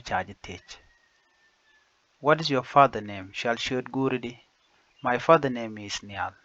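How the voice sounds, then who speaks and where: A man teaching basic phrases, saying each one slowly and repeating it in two languages. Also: medium pitch, a bit bright, no echo. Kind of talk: slow phrase-by-phrase language lesson. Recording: dull lo-fi dry recording.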